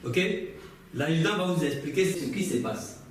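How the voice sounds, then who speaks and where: An actor with an Ivorian French accent playing a police officer who firmly tries to calm a woman down. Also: a little high, recorded from a distance, slight background noise, natural voice. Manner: slow, firm, soothing. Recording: echoey room, faint ambience.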